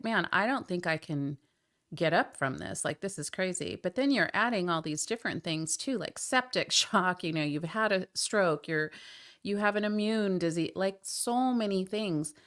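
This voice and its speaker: A woman hosting a casual conversational interview, her voice hoarse and croaky like a frog from a respiratory illness, talking in an earnest, chatty way. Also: fairly low pitch, animated, moderate pace, a bit bright. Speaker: podcast host.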